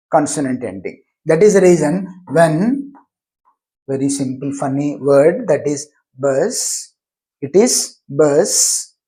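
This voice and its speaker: A man's voice: fairly high pitch, warm tone, poor audio. A man with an Indian English accent teaching a spoken lesson on pronunciation, explaining patiently and drawing out example words.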